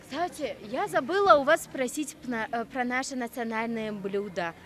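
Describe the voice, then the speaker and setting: A woman from Tajikistan works as a TV reporter, interviewing festival participants informally, chatting and prodding them with questions. Her voice sits on the high side and she speaks at normal speed.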